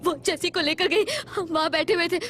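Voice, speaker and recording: A woman voices a terrified young woman in a dubbed horror film, stammering in a high, bright voice. Her lines tumble out in panic. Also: very animated, fast talker, slight background noise. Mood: panicked. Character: frightened young woman fleeing a monster. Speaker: dubbing actress. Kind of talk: Hindi movie dub.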